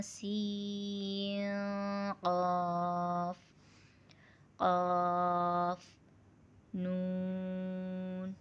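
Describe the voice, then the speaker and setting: Patient lady teacher explaining quran reading rules, pretty flat monotone voice, kinda muffled lo-fi audio. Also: medium pitch. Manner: patient, explains each rule, then reads the letters slowly and drawn out. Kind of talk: step-by-step recitation lesson. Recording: dull lo-fi recording.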